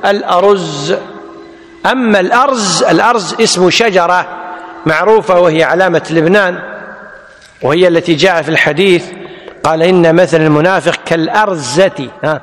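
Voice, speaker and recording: A man's voice: on the high side, fairly quick. A man teaching a lesson, who repeats each word and quizzes his students. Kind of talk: classical Arabic text lesson. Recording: long hall reverb.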